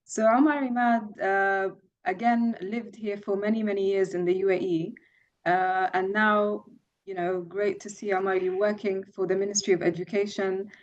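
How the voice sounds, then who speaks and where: A woman's voice: medium pitch, fairly even intonation, normal speed. A woman hosting a podcast panel, steering the talk and putting questions to the guests. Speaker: podcast host. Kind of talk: moderating a panel discussion. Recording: dull lo-fi sound.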